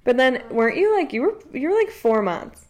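A woman in her twenties, co-hosting a casual podcast chat in a lively way and laughing easily. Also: high-pitched, fairly quick. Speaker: podcast co-host.

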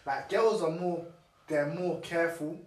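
A young man with a London roadman accent, chatting casually in blunt, animated, slang-heavy street banter. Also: on the high side, unhurried. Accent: London roadman, urban slang. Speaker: podcast co-host. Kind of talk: casual chat. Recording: echoey room, distant mic, noisy.

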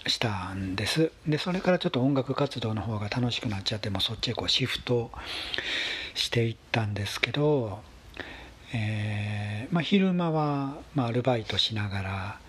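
A man with a husky voice, telling a story in a casual, polite monologue with gentle pauses. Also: on the low side. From Kansai, Japan. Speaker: solo talk show host.

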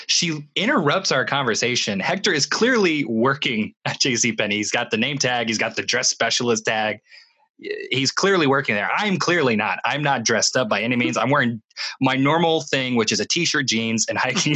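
A young man with a bright, slightly husky voice chats on a podcast with a friend. He tells stories with energy, slips into quick impressions of people, and laughs often. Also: mid-range voice. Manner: animated storyteller, acts out voices, laughs often. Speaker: podcast co-host. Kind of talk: casual storytelling chat.

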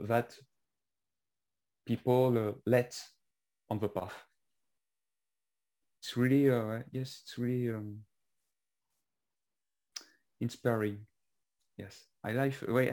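A man with a French accent interviewing a guest, speaking haltingly with many fillers and restarts. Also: mid-range voice, darkish tone. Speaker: interviewer and author. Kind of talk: casual conversational interview.

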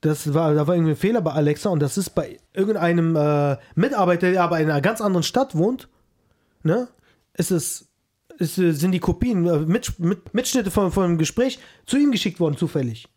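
A man with a high voice talks quickly, excitable and stumbling over his words. He is on a casual podcast chat.

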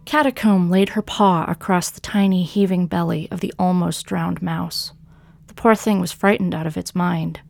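A woman, the author and narrator of a fiction podcast, reading her own story in a measured way that slows for dramatic lines. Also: on the low side, steady tone, vocal fry, darkish tone, no echo, soft background music.

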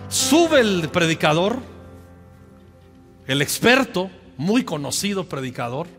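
Lively high-voiced Mexican pastor preaching. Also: male voice, takes it slowly. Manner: lively, humorous, speaks directly to the congregation. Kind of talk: sermon with personal storytelling. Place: church. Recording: echoey church hall with soft music behind.

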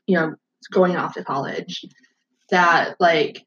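A woman's voice: lowish voice, fairly even intonation, slow pace, fairly bright tone, dull audio, a little hiss or hum. A young woman from Wisconsin, chatting casually on a podcast and saying "like" often. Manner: chatty, says "like" a lot, laughs often. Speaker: podcast guest. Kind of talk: casual chat.

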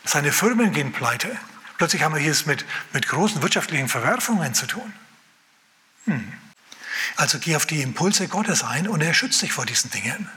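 A male pastor preaching with a bright, forceful, fairly high voice. He tells his story in a lively way and briefly acts out what people say. His voice carries a long reverb, as in a church hall. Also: normal speed. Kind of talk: sermon.

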